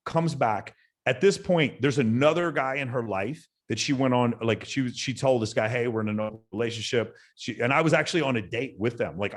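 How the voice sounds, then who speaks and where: A man on a podcast with a mid-range voice, talking in a blunt, swearing, emphatic way. He lectures and tells long anecdotes in loose, casual chat. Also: medium pitch. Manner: blunt, profane, emphatic storytelling. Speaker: podcast guest.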